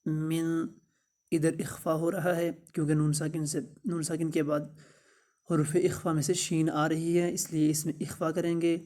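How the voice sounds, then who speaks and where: A man with a Pakistani Urdu accent teaching Quran recitation step by step, chanting verses slowly between spoken explanations. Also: on the high side, level tone, warm tone. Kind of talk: slow step-by-step recitation lesson.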